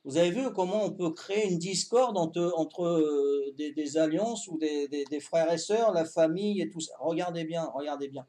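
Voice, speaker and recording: Fifty-something Corsican man streaming a game. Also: fairly high pitch. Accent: Corsican French. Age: 50s. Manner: addresses viewers directly, tags sentences with "hein", repeats himself; calm, unhurried, talks to chat while playing. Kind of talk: live game stream chat.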